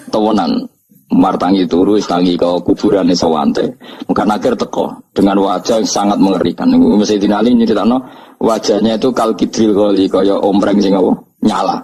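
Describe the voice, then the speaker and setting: Javanese-accented man preaching with humor; low, husky, chuckling storyteller. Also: rough recording. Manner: storytelling, chuckling, lively asides. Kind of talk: humorous religious lecture.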